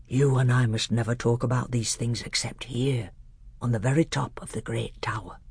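A man voicing an old male scholar tutor who speaks low, slow, hushed and grave in a storybook reading. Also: fairly even intonation, slightly rough, no room sound. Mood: solemn, hushed.

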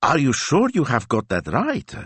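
A man voicing an eager, excitable young man who rushes breathlessly through his ideas. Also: mid-range voice, breathy edge, no echo, voice pushed up, exaggerated voice. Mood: astonished.

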